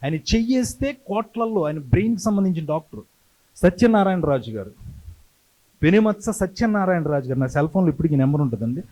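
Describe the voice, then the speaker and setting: A middle-aged man, a TV anchor who tells stories in an animated way to a hometown audience and acts out the voices he quotes. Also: a little high, quick pace. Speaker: TV anchor and creative director telling stories. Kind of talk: storytelling speech to a hometown audience.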